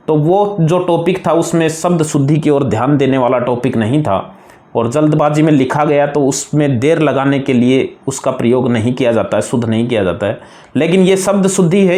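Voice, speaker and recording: A man's voice: fairly high pitch, darkish tone, roomy sound. A man teaching a grammar lesson, patiently explaining spelling rules and repeating each wrong and right form. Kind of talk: classroom-style grammar lesson.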